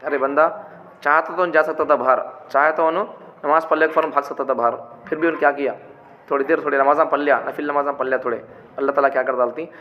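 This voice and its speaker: A man's voice: on the high side, steady tone, racing. A man giving a religious teaching talk, repeating his points and asking rhetorical questions. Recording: dull, echoey hall with faint noise.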